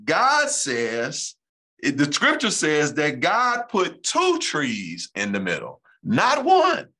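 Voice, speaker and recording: Pastor guy preaching on a podcast, kinda high voice, leans hard on words. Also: huge pitch swings, sharp tone. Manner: emphatic, reads scripture aloud slowly. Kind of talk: podcast Bible teaching.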